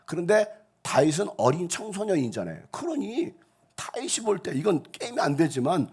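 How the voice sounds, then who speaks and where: Animated, husky-voiced Korean pastor preaching. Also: male voice, sits high, moderate pace. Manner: animated, acts out gruff street-talk voices, jokes with the congregation. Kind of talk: lively sermon with acted quotes. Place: church sanctuary.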